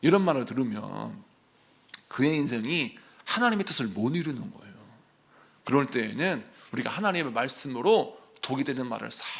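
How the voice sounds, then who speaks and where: A male senior pastor giving a Sunday morning sermon in a church, animated and acting out the voices he quotes. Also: medium pitch, vocal fry. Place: church sanctuary.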